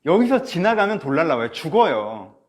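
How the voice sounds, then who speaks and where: A man preaching a sermon as pastor of a church, animated, swinging from soft asides to loud cries. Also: a little high, normal speed. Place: church or small studio, online service.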